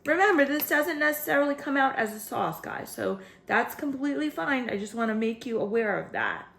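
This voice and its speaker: A woman talks viewers through her own home cooking demonstration in a chatty, upbeat way. Her voice sits a little on the high side, and she keeps calling the audience "guys" as she explains each step. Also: lively intonation, fairly quick, vocal fry, fairly bright tone, roomy sound. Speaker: cooking channel host.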